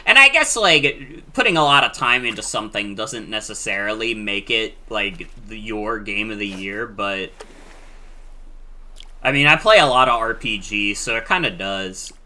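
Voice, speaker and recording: A man in his twenties, a streamer chatting casually while he plays, excitable and quick to swear. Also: fairly low pitch. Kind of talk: casual game-stream chat.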